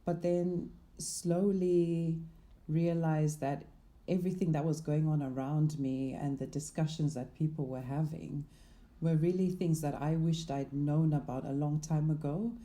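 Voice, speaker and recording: A woman's voice: low-pitched, steady tone, unhurried, warm tone. A middle-aged woman from Zimbabwe, a guest in a casual interview, talking thoughtfully with "um" and "you know". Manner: thoughtful, laughs lightly, many "um" and "you know". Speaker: guest, investment manager.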